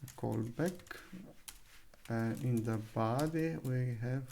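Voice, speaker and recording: A man's voice: medium pitch, slow, gravelly, warm tone, slight background noise. A man narrating a live coding screencast, thinking aloud with many fillers and self-corrections, at a desk microphone. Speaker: coding tutor. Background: keyboard typing and clicks.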